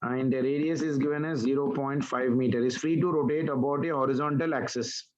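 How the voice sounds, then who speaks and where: This physics teacher speaks in a brisk, mid-range voice with fairly even intonation, and the audio is lo-fi. On an online class call, he talks students through each step of a problem and asks them questions back.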